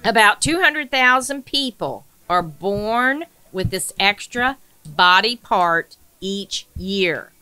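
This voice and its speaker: Woman, bright crisp voice, slow unhurried reading, casual quiz host. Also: medium pitch, animated, dry recording, faint music behind, low-quality recording. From American South. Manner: reads slowly, giggles at her own lines. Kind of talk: casual chat, reading trivia questions.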